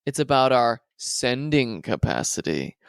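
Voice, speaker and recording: A man's voice: medium pitch, very animated, a little slow, vocal fry, smooth, no echo, clean studio sound. A young man, a seminary student, co-hosting a casual podcast with friends, talking in a playful, easygoing way. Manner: playful, hypes things up in a mock announcer voice.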